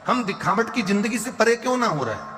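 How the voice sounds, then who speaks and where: A man with a Madhya Pradesh accent preaching a sermon in Hindi, impassioned and repetitive, at times singing verses slowly. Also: sits high, very animated, sharp tone. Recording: long hall reverb with faint music.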